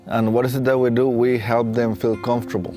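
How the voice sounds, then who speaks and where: A man in his late thirties with a Mexican accent, telling his own story in a halting, reflective way. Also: mid-range voice, level tone. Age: late 30s. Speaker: facilities and safety technician and staff trainer. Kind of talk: reflective personal storytelling for a training film. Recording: soft plucked guitar music behind. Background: guitar music.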